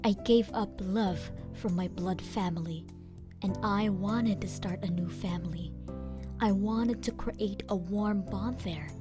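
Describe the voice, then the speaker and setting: A woman voice actor delivers scripted first-person story narration for a manga dub, speaking at a measured pace in a medium pitch. Background music plays beneath her voice.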